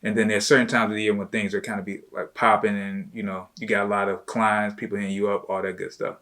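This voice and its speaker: A man's voice: on the low side, level tone, fast, fairly bright tone. A man hosting a casual chat with his wife, talking loosely and informally with plenty of "you know" and "like" fillers. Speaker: host, entrepreneur.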